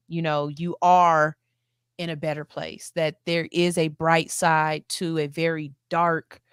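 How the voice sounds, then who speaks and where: A woman's voice: low voice, fairly bright tone, smooth, dry recording, clean studio sound. A woman in her forties hosting a talk show, speaking earnestly and emphatically, often repeating herself. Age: 40s. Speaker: host. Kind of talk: heartfelt talk-show monologue.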